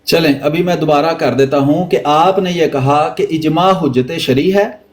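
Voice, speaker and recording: A man with a fairly high voice argues on a video call. He needles the other side and keeps insisting it is his turn to talk. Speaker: debater. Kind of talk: heated religious debate.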